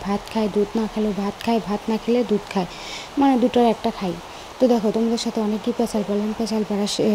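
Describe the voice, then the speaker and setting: A young woman, narrating a home vlog in a hushed voice-over, recorded on a phone in a quiet room at night. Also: medium pitch, a little hiss or hum. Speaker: lifestyle vlogger.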